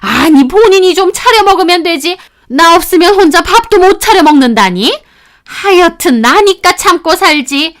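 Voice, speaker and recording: A demanding, sharp-tongued middle-aged mother-in-law, played by a woman narrator scolds at a high, raised pitch. She is bossy and never lets up. This is for an audio family drama story. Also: expressive, normal speed. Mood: complaining.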